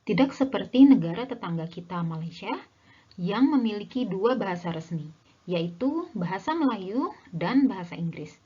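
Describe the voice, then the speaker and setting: Husky young woman teaching a lesson. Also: mid-range voice, expressive, normal speed, warm tone, highs cut off. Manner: friendly, addresses viewers as friends. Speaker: language teacher. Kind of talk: scripted educational narration.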